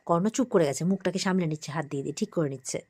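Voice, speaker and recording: A woman's voice: on the low side, racing, a little mellow. A woman with a Bengali accent casually recapping a TV serial episode, now and then acting out the characters' lines. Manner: retells scenes, briefly acting out characters' lines in a livelier voice.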